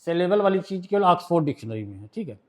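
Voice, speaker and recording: This classroom lesson features a man with an Indian accent whose high voice has a sing-song lilt and a darkish tone. Working through shorthand rules one step at a time, he reads them aloud slowly in English, then explains them in Hindi, frequently asking whether the students follow.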